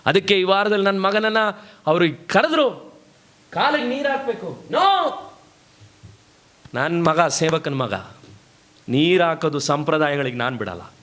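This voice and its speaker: A middle-aged man preaching a sermon as a pastor, with a Kannada accent, moving between loud exhortation and hushed storytelling. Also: fairly high pitch, expressive, normal speed.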